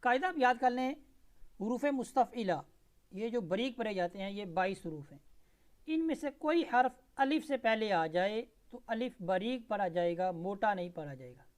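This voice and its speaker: A man teaching Tajweed, spelling out and reciting verses slowly syllable by syllable, then explaining the rules in brisk asides. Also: high-pitched, animated. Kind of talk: Tajweed lesson with slow recitation.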